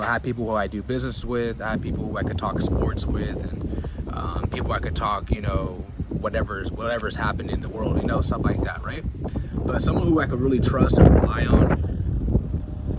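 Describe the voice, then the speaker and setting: A man's voice: mid-range voice, very noisy. A man in his thirties talking in a casual, confessional vlog, rambling with many fillers, recorded outdoors. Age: 30s.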